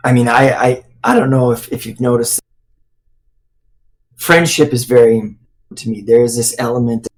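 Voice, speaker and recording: A man in his thirties talking casually over a remote call, halting and restarting, while his audio keeps cutting out in dropouts. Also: mid-range voice, fairly even intonation. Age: 30s. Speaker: podcast guest sharing a dream. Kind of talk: casual conversation.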